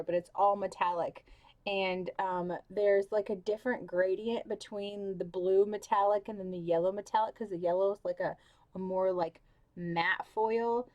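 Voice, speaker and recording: A young woman chats to camera about books in a casual, gushing way, her speech loose and full of "like" and "um". Her voice sits at an ordinary middle pitch, and she has the hiccups. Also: a little mellow. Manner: gushing, filler-heavy, with many "like" and "um". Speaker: book vlogger.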